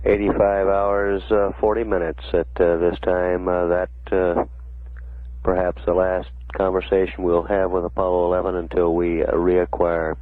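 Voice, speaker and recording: A man with a low, monotone voice announces a spaceflight from mission control. His delivery is official, measured and halting. The sound is a narrow, dry 1960s radio feed. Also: no echo. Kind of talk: live spaceflight commentary.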